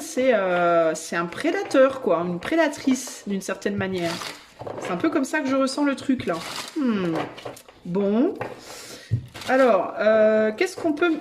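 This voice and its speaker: Excitable woman giving a tarot reading. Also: a little high, noisy background. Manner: excitable, frequent exclamations and thinking aloud. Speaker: tarot reader and medium. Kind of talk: channeled tarot reading to viewers.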